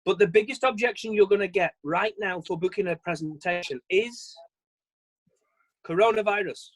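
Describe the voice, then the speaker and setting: Chatty male sales trainer on a video call, bright high voice, self-deprecating. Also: moderate pace, rough recording. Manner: chatty, self-deprecating, repeats and restarts phrases. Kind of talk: virtual training session.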